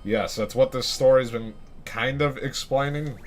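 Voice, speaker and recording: A young man in college giving casual, sarcastic commentary while playing a video game, swearing and thinking out loud. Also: mid-range voice, unhurried, a little hiss or hum. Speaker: let's play host.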